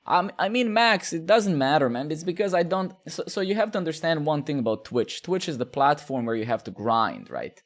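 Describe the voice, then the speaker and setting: A man in his thirties from Serbia, chatting casually with viewers while live coding, rambling with fillers, swearing and asking "right?". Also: a little high. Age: 30s.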